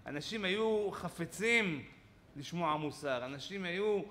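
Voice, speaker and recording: A man, a rabbi giving a Torah lesson in a study hall, telling stories with lively acted-out quotes. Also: high voice, a little hiss or hum. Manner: animated storytelling with acted-out quotes.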